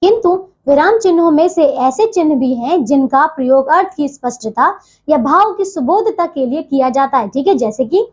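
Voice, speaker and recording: Young female teacher, high voice, patient, keeps checking kids follow, classroom explainer. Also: animated, moderate pace. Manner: patient, repeats "theek hai bachchon" constantly. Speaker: school Hindi teacher. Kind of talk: online grammar lesson for children.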